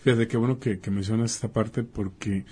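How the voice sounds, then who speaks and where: A man's voice: on the low side, steady tone, brisk, mellow, slightly rough. A man, a doctor, talking casually on a talk show and acting out little dialogues as he explains. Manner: explains with acted-out dialogues and rhetorical questions. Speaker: doctor guest.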